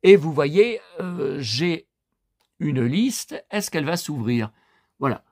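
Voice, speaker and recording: A collector in his fifties with a fairly high-pitched voice vlogs casually over a screen share, talking slowly and directly to his viewers. He rambles with lots of fillers and turns indignant and animated when something riles him.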